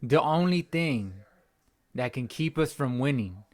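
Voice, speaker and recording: In a post-game reaction rant recorded at home, a young man hosting a fan channel rambles and repeats himself out of frustration, his voice cracking. He speaks a little slowly in an expressive, mid-range voice.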